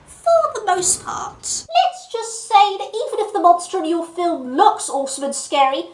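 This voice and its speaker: A woman's voice: extremely high pitch, very animated, normal speed, reverberant, slight background noise. A woman hosting a comedic film review show, delivering scripted commentary in a sarcastic, theatrical, mock-dramatic way.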